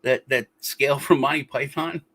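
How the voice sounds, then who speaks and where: Animated man telling a story. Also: mid-range voice, moderate pace. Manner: animated storyteller, acts out quoted arguments. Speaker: podcast co-host. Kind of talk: casual chat.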